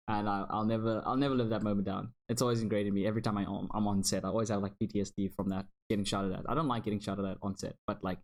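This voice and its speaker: A young man co-hosting a podcast in casual chat, rambling, restarting words and laughing often. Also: fairly low pitch. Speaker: podcast co-host.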